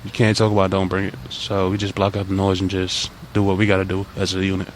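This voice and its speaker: A young man in his twenties, a college football player answering media questions in a halting, soft-spoken way with many fillers. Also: low voice, completely flat delivery, background noise. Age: 20s. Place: press availability.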